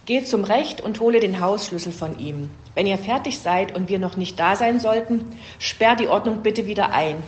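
A calm, helpful female figure from a storybook fable, as a woman reads her lines aloud. She explains plainly and evenly at a middle pitch. The room around her rings with a noticeable echo. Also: moderate pace, few pauses, a little hiss or hum, natural voice. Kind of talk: storybook reading. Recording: roomy echo.

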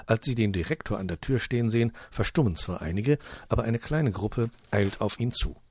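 A man reading a humorous short story aloud in a calm, even storytelling manner. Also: on the low side, brisk, breathy edge, no echo, studio quality. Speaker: narrator.

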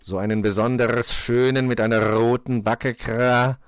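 A man voicing a sceptical male raven who asks probing questions and croaks between his words. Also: medium pitch, level tone, unhurried, no room sound, studio quality, voice pushed up, lightly acted. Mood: suspicious. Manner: suspicious, probing, croaking "kra".

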